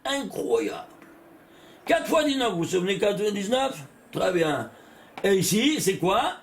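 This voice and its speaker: Older male rabbi, lecturing style, high and very lively pitch, asks and answers his own questions. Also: moderate pace, slight background noise. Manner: animated, asks the class questions and answers them himself; repeats words and restarts phrases. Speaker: rabbi teaching Torah. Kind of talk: Torah lesson with gematria.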